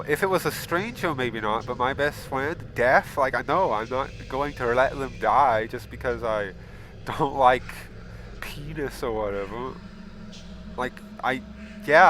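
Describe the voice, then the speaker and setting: A man hosting a casual gaming video, reading questions aloud and answering them bluntly, with frequent swearing and loud exasperated outbursts. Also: mid-range voice, unhurried, a little hiss or hum. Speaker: gaming channel host. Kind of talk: casual game commentary.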